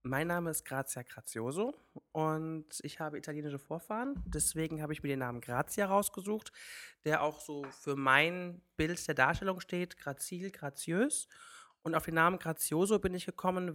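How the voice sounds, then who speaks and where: A man's voice: on the high side, moderate pace, fairly bright tone. Witty wordplaying drag artist man. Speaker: drag artist, civil servant. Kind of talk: casual interview answers.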